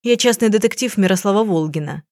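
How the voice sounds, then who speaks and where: A woman reading an audiobook, voicing a cool, sharp female private detective with a calm, dry, cutting manner. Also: medium pitch, fast, dry recording, close to an everyday voice.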